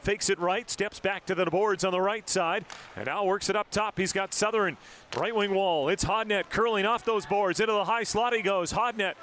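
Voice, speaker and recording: A man's voice: high voice, normal speed, fairly bright tone, a little hiss or hum. A man doing live hockey play-by-play on a broadcast mic, rattling off each pass and shot in short, clipped calls. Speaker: play-by-play announcer.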